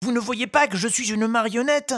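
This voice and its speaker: A man's voice: normal speed, a bit bright, dry recording, clean studio sound. A man voicing a small wooden puppet boy who sounds anxious and indignant. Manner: high, pleading, indignant.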